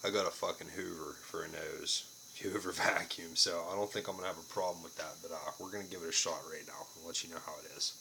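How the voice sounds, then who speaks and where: A man's voice: low voice, steady tone, quick pace, vocal fry, hardly any pauses, noisy background. A man giving a casual, unscripted product review to camera, plain-spoken and casually profane.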